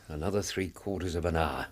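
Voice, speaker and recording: An actor playing a genial, courteous, contented English doctor in a radio drama, with leisurely phrasing. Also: male voice, deep voice, breathy edge, heavily acted. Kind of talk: British radio drama acting.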